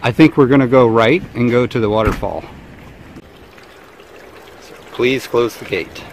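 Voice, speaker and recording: A man's voice: mid-range voice, a little slow. A man in his thirties narrating a family hiking vlog outdoors on a forest trail, filming himself with a handheld camera. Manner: relaxed, chatty, observational. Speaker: family vlogger. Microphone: handheld camera at arm's length. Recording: outdoor noise behind.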